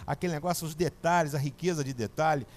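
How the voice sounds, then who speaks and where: A Brazilian man preaching a sermon as pastor, colloquial and animated, telling a personal story. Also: fairly high pitch, brisk. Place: church.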